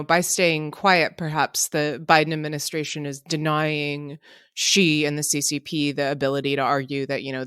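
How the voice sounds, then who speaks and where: A clear, smooth voice at middle pitch, recorded close and dry. The speaker thinks aloud as a panelist on a politics discussion, wandering through intellectual asides in an unscripted, discursive way. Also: fairly bright tone, dry recording. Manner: discursive, intellectual, self-described nerdy digressions.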